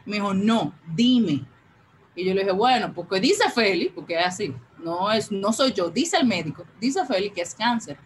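A woman's voice: medium pitch, moderate pace, a little hiss or hum, low-quality recording. A woman, telling her personal story as an interview guest and acting out the dialogue as she goes. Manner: animated, acts out quoted dialogue.

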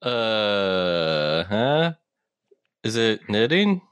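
A man voicing a dopey male donkey who brays and guesses slowly in a party impression game. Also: on the low side, sing-song, fairly bright tone, clean tone, no echo, heavily acted. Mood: dopey guessing. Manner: slow, dopey, braying "hee haw".

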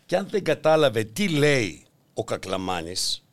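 A man's voice: mid-range voice, very animated. An older man hosting a satirical political monologue, mocking and theatrical, acting out voices as he goes. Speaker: podcast host.

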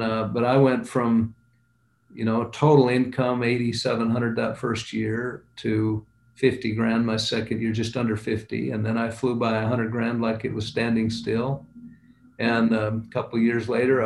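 A man's voice: medium pitch, level tone, vocal fry, a little mellow. An older man, a guest, earnestly recounting his early struggles in business. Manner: earnest, unhurried recollection. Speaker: guest entrepreneur. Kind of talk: personal storytelling. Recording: roomy echo.

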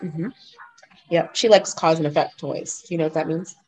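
Hoarse lady podcast host, lowish raspy whispery voice, lost her voice, chatting casually with kids. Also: normal speed, darkish tone, low-quality recording. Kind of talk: casual chat, interviewing children.

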